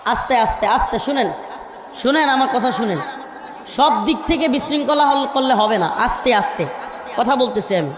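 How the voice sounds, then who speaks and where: A man preaching a sermon from a crowded stage, pleading with and scolding the crowd to stay quiet, sometimes slipping into slow chanted recitation of scripture. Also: very high voice, expressive. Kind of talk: sermon at a crowded religious gathering. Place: crowded stage at a large outdoor gathering. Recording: echoing reverb over a murmuring crowd.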